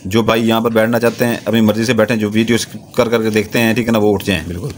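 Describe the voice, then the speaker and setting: A man with a fairly low voice explains a ritual one step at a time. He talks in a steady, instructive manner, repeating himself and checking often that the listener has understood. A faint hiss sits under the recording. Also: fast talker. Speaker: spiritual practitioner teaching a ritual.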